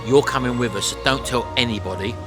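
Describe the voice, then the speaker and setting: Middle aged bloke doing a chatty walkaround vlog, talking to the viewers, music playing behind him. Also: male voice, medium pitch, fast. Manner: chatty, addressing viewers as folks. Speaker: vlog host. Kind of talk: casual walk-and-talk vlog.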